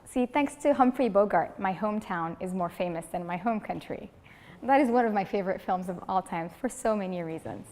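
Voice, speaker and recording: Speaking a touch quickly at medium pitch, this woman from Morocco, in her 30s, performs a humorous prepared speech for a speaking club. She tells her stories vividly and impersonates the people in them. The room gives off a long reverb, like a hall.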